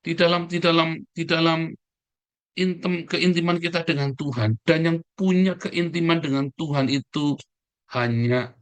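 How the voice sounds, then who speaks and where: A man preaching an informal sermon, talking straight to his listeners and swinging between emphatic, raised phrases and hushed asides. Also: medium pitch. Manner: informal, addresses listeners directly with frequent "ya" and "saudara". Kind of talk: conversational sermon.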